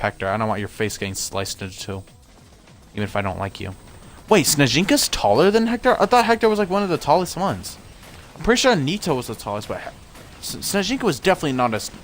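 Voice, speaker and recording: Worn out after a long session, a young man chats casually while streaming a game at home, rambling and correcting himself as he goes. His voice sits in the mid range with a bit of brightness.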